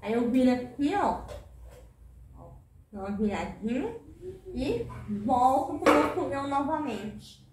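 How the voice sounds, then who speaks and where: A woman's voice: high-pitched, sing-song, a little slow, pauses often, very noisy. A woman in her thirties with a Brazilian accent, chatting to viewers while she cleans her kitchen. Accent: Brazilian Portuguese. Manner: chatty, addresses viewers often, tired. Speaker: home cleaning vlogger. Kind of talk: casual chat while cleaning. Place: home kitchen, indoors. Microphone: camera across the room. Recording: echoey kitchen, camera far off.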